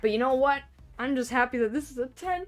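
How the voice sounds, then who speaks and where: A woman's voice: high voice, animated, a little fast. A woman vlogging an unboxing off camera, gushing, laughing often and trailing off mid-sentence, recorded on a camera mic at home. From Canada. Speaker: card collecting vlogger.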